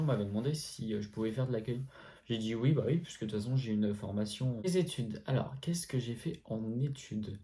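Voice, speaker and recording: A man in his twenties, answering viewer questions in a relaxed, chatty vlog with lots of fillers and slang. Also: mid-range voice. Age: 20s. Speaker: YouTuber answering a FAQ. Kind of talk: casual vlog chat. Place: at home, indoors.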